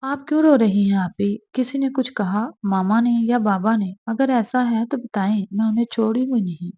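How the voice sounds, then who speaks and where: A woman's voice: a little high, moderate pace, dark tone, muffled recording, natural voice. A woman voicing a caring, earnest young wife in a storybook reading. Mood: defiant. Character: young married woman, caring but defiant.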